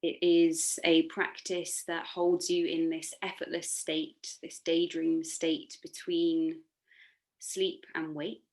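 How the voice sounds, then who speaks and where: This yoga instructor is a woman with a deep voice who leads a guided relaxation meditation at a slow pace. Her delivery is flat but soothing, gently encouraging and unforced.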